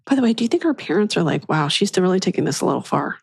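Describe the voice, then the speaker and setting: A woman's voice: lowish voice, sing-song, racing, vocal fry, a little hiss or hum. A woman hosting a podcast, chatting casually and dropping wry asides and playful jokes. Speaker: podcast host. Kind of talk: casual gossipy chat.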